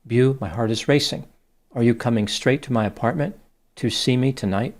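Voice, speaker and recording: A man reading out the messages of a flirty female AI chatbot, slowly and plainly. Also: medium pitch, close to an everyday voice. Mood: gushing.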